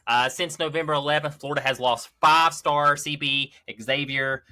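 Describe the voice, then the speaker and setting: A young man trading sports talk on a casual podcast. His voice is bright and forward. He is animated and reads names with mock drama. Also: on the high side, normal speed. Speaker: podcast co-host.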